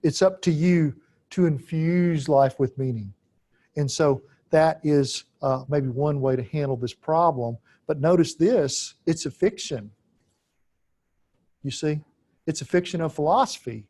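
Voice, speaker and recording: This philosophy lecturer has a fairly high, warm voice and speaks off the cuff. He moves slowly and haltingly, often saying "uh" and circling back to key phrases to stress them.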